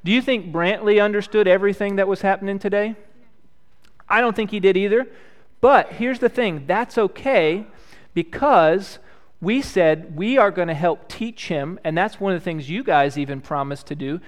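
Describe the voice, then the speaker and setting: Pastor guy in his 30s, gentle, asks the kids questions, clear high-ish voice. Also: normal speed. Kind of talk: prayer and children's message. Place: church.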